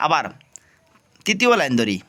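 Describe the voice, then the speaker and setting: A man teaching an Arabic reading class, explaining rules to his students and then drilling syllables slowly, letter by letter. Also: fairly high pitch, big pitch swings, bright, forceful tone. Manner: slow, drawn-out syllable drills spelling letters and vowels. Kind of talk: recorded Quran reading lesson.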